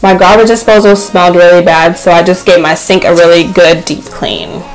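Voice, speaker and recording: A young woman casually narrating her home cleaning vlog in a relaxed, chatty way, with frequent filler words. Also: fairly low pitch, moderate pace, rough recording. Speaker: cleaning vlogger. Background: faint background music.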